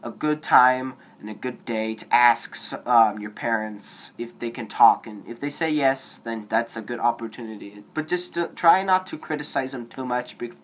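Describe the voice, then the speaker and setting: A man's voice: mid-range voice, moderate pace, few pauses. A teenage boy vlogging casual advice to a phone camera, rambling and digressive with lots of fillers, his voice cracking now and then.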